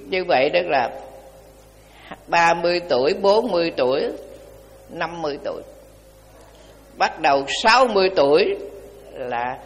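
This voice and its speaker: Older monk, folksy sermon. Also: male voice, sits high, a bit bright, in a large hall. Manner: colloquial, repetitive, folksy humor. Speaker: Buddhist monk. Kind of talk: dharma talk.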